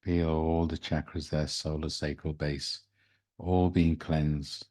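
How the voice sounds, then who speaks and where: Man w really low voice doing a gentle guided meditation, slow and soothing. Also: little pitch movement. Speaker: podcast host and spiritual reader.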